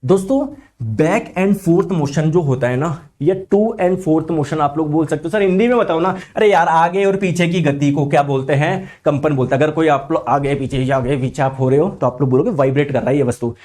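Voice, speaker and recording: A high-pitched man teaching, his throat a little sore. He is animated and keeps questioning the class, then answers in the students' voice. His voice sits above most men's. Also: normal speed. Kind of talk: lively classroom lecture.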